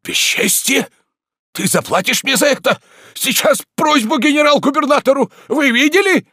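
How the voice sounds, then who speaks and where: A man voicing a coarse, bullying middle-aged man who shouts insults and accusations. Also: extremely high pitch, lively intonation, moderate pace, no echo, studio quality, voice pushed up, full character voice. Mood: yelling.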